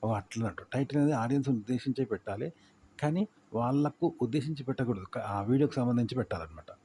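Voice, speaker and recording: A man's voice: mid-range voice, lively intonation, very fast, warm tone, slight background noise. A man explaining YouTube tips in casual talk, rambling and repeating his points as he asks the listener if they follow. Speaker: YouTube creator giving tips.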